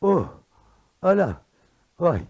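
A man voicing Karagöz, a blunt, quick-tempered common man in a traditional shadow puppet play, firing off rhyming comebacks. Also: big pitch swings, dry recording, highs cut off, full character voice. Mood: panicked. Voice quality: gravelly and high. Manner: loud, rhyming comebacks, exclamations.

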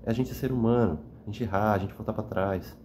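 A man's voice: lowish voice, a little fast, dark tone, slight background noise. A man talking in an emotional, reflective monologue to the camera, earnest and rambling, tagging his sentences with little questions and sounding worn out after crying. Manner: earnest, rambling, frequent "né?" tags. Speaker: vlogger. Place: indoors, at night.

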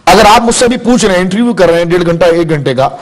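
A man in his forties, a religious scholar in a TV studio interview, explaining slowly with everyday examples and stories. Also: high voice, expressive. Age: 40s. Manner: measured, explains with examples and anecdotes. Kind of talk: studio interview, spiritual teaching.

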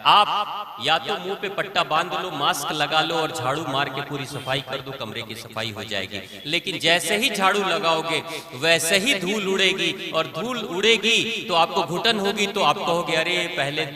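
High-pitched preacher man telling a folksy story, big echoey hall, crowd in the back. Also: unhurried. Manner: animated, homely storytelling. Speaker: spiritual preacher. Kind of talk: live religious discourse with storytelling. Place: large hall with audience.

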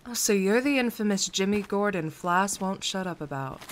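A woman's voice: mid-range voice, expressive, moderate pace, a little hiss or hum, lightly acted. A woman playing a wry, no-nonsense police lieutenant in an audio drama, sardonic and assertive. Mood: wry, brisk.

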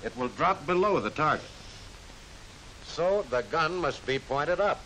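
A man's voice: a little high, animated, bright, forceful tone, poor audio. Hissy vintage American male training-film narrator. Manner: formal, instructive, measured phrasing. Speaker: military gunnery instructor. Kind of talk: scripted 1940s-50s newsreel-style training film narration.

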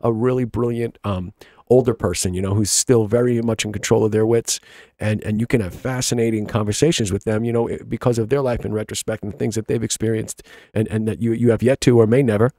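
Gravelly fast-talking Long Island man. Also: on the low side, fairly even intonation, dark tone, no echo, studio quality. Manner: rambling, restarts often, reflective. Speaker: podcast co-host. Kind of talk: casual book club chat.

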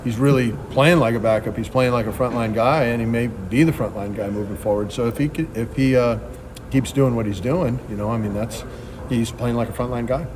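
A middle-aged head coach fields reporters' questions after a game, speaking quickly and bluntly. He often restarts his sentences mid-thought. A light background hum sits under his voice. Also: medium pitch. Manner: quick, plain-spoken answers with frequent restarts. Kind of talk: postgame press conference. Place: press backdrop at a ballpark.

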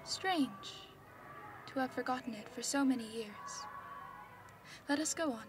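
An actress playing a serene, commanding female Christmas spirit in an audio drama, measured and solemn. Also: high-pitched, over music. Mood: gently solemn.

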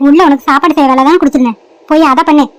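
A woman's voice: sits high, steady tone, very fast, no echo, close to an everyday voice. A woman doing a nagging stepmother. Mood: scolding. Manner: sharp, nagging, scolding. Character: harsh scolding stepmother, middle-aged woman.

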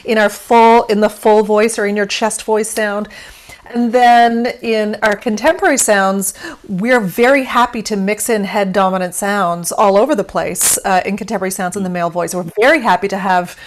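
A woman's voice: medium pitch, steady tone, normal speed. A woman guest on an interview, explaining singing technique in a conversational way, with frequent fillers and easy laughter. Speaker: vocal pedagogy specialist guest.

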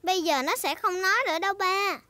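A performer voicing a cheerful, bossy little girl pig in a children's cartoon dub, childlike and excitable. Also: very high voice, quick pace, no echo, soft background music. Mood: earnest.

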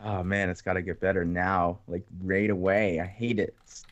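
A man's voice: deep voice, little pitch movement, normal speed, lo-fi sound. A young man with a sore throat, chatting and joking while playing a game with the host, laughing often. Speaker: co-player. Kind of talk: casual gameplay commentary.

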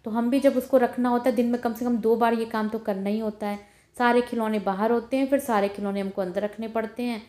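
A young woman chatting casually as she walks through her small rented flat, filming a home tour on a handheld phone. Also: a little high, a little fast. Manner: chatty, homely, walking while filming. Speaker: home vlogger. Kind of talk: casual house tour narration. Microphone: phone camera held while walking.

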